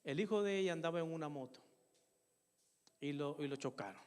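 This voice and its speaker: An older pastor preaches with a high voice, his words ringing through a reverberant church hall. He tells a personal story earnestly and with feeling, turning again and again to his congregation as brothers. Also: a little fast, clear, resonant tone. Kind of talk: sermon with personal testimony.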